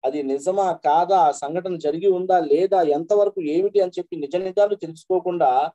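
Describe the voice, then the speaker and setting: A man preaching a sermon, chanting verses slowly and then explaining them in a quick conversational flow. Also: sits high, warm tone, lo-fi sound. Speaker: Islamic preacher.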